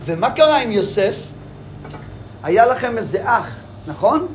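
A man's voice: very high-pitched, very animated, a little hiss or hum. A man voicing Joseph, a mocking, all-knowing ruler of Egypt who needles with question after question. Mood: taunting.

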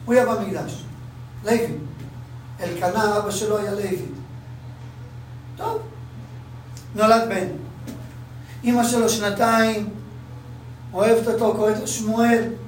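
A man's voice: high voice, steady tone, pauses often, heavy reverb. A man teaching a religious class, repeating phrases and quizzing his listeners, recorded from a distance in a room with faint background noise. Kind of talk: Talmud class.

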